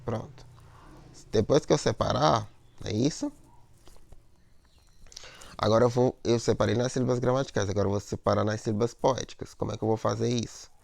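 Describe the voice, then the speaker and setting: A man's voice: on the low side, fairly even intonation, fairly quick, gravelly, long pauses, darkish tone, no room sound. A man teaching a lesson on poetic meter, explaining step by step, repeating words, and checking in with "né?" and "ó".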